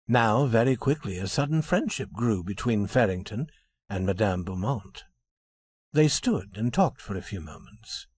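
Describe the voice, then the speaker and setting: A man narrating a storybook for English learners with expressive intonation. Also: fairly low pitch, measured pace, husky, no room sound, studio quality.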